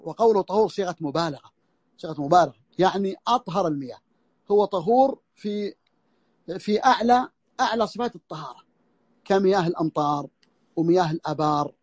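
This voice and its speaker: Over a social media voice room, a scholar with a high-for-a-man, darkish voice teaches a classical text as an audio lesson. Working through each point, he restarts sentences and repeats key phrases. The recording is dry and close, with no surrounding room sound.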